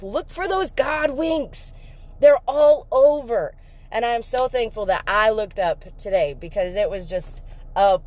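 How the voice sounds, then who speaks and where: A woman telling an emotional faith story in a casual vlog, emphatic and excitable, breaking into laughter. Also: medium pitch. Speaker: faith vlogger.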